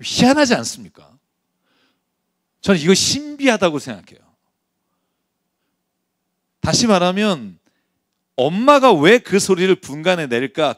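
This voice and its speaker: A man preaching a sermon as pastor, conversational and lively, asking his listeners rhetorical questions. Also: a little high, dry recording, clean studio sound.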